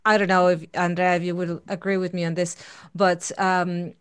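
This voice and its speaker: A woman giving her opinions in a casual, informal way during an intellectual chat, softening them as she goes. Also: on the low side, flat delivery, normal speed, clear, resonant tone. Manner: informal, conversational, hedged opinions. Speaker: discussion participant.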